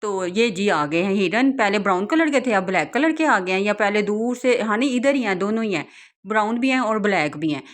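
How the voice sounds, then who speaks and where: A young woman narrating her family outing in a relaxed vlog, chatting and laughing often as she tells it. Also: medium pitch, a little fast. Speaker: vlogger, mother.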